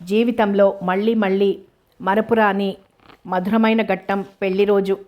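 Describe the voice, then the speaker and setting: A woman reading a novel aloud, voicing a worried mother who pleads and scolds in a flat, even tone. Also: mid-range voice, unhurried, dull audio, natural voice. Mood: anxious pleading. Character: worried widowed mother, anxious, fussing.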